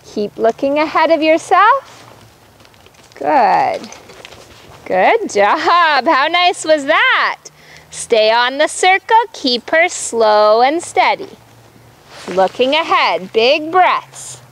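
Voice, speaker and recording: A woman riding instructor projecting brisk commands across an arena, firm and encouraging, often repeating short instructions. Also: high voice, big pitch swings, a bit bright.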